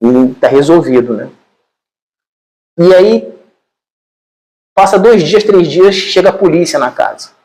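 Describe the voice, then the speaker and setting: A man with a Brazilian Portuguese accent giving an informal lecture, retelling a film in an animated, colloquial way with many repeated fillers. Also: on the high side, measured pace, pauses often, poor audio.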